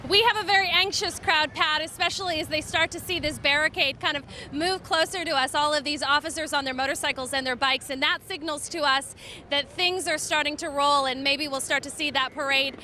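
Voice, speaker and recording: A woman reporting live from a parade route outdoors, upbeat and energetic. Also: sits high, a little fast. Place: outdoors on a city street. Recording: street noise and traffic behind.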